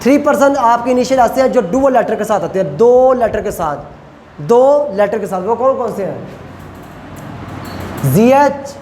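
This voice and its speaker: A male lecturer who teaches Chinese pronunciation, repeats syllables slowly and quizzes his students. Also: very high voice, lively intonation, a little mellow. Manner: asks students questions. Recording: echoey room, faint ambient noise.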